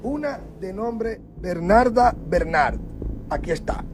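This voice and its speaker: Guy in a video clip, kinda high voice, music blaring under him, asks viewers leading questions. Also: lively intonation, slow. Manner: rhetorical, teasing questions to viewers. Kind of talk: commentary. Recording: voice over loud music in video.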